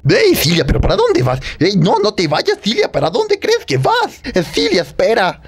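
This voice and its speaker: A performer voicing a playful, excitable male puppet who hosts a children's show, in a theatrical, exclamatory way. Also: mid-range voice, normal speed, noisy background. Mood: excited. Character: lively mustached male puppet, playful, pleading show host. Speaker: children's religious show host.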